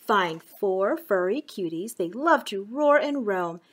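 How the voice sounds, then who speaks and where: A middle-aged woman hosting a children's puppet story time, reading a picture book in simple, clear phrases. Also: medium pitch, expressive, takes it slowly.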